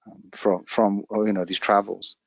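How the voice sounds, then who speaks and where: A man with a lowish voice tells travel stories in an earnest, reflective way. His voice comes through a video call and sounds dry, with no room around it. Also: level tone, moderate pace, gravelly, no echo. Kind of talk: casual chat.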